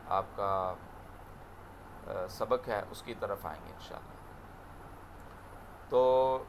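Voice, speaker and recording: A man teaching prayer and scripture to a student, speaking gently and then reciting in slow, drawn-out phrases for the student to repeat. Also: on the low side, slight background noise. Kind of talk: online lesson to a student.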